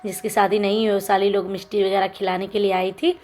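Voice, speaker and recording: A young woman talks over her own wedding footage in a relaxed, chatty way. She laughs lightly as she walks through each custom, like she is telling a friend. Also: mid-range voice, a little fast. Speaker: vlogger. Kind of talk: casual vlog voice-over.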